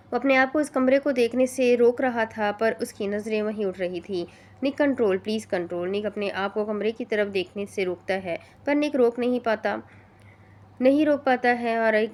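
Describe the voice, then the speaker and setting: A woman hosting her channel and reading a romance novel aloud in a steady storytelling manner. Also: on the high side. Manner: steady storytelling with small restarts. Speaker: audiobook narrator.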